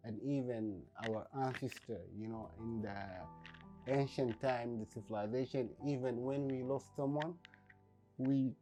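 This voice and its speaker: A man from Sudan, a painter talking in a documentary interview, reflective and halting, with many fillers. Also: medium pitch, dark tone, faint music behind, poor audio.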